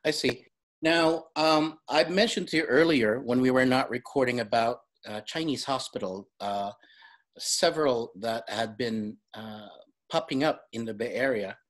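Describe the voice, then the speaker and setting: A woman's voice: extremely low pitch, a little slow. A woman in her fifties hosting a vlog interview, chatty and self-deprecating, laughing often as she asks questions. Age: 50s. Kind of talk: casual interview chat.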